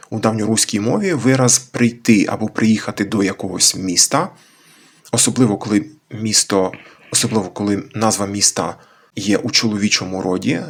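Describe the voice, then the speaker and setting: A man hosting an educational channel, methodically explaining old words one by one in a calm lesson. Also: fairly low pitch, gravelly, husky. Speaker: channel host explaining chronicle language.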